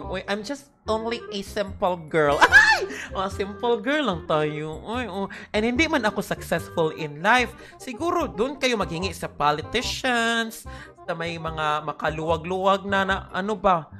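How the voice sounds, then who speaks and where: A tired young woman with a headache chats casually on a game stream, greeting viewers by name with sudden shrieks. Her voice is mid-range and a bit bright.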